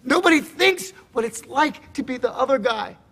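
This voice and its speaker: A man's voice: very high voice, lively intonation, a little slow, gravelly, a bit bright, slightly rough, heavily acted. An actor playing a strained, troubled man, bitter and withdrawn, speaking film dialogue in a weary, brooding way.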